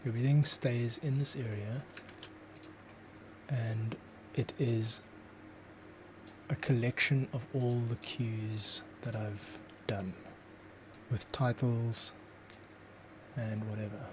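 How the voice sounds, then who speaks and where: Slow and pausing often, this man's steady, medium-pitched voice comes with a little hiss or hum. As a composer, he talks through how he scores music while working, offering think-aloud tutorial commentary.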